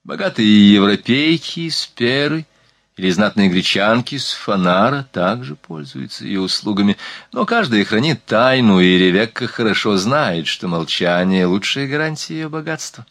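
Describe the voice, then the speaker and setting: A man's voice: on the low side, lively intonation, moderate pace, a bit bright, dry recording. A man reading aloud, voicing a worldly, gracious sultana who speaks in a slightly whispery, lisping, confiding way.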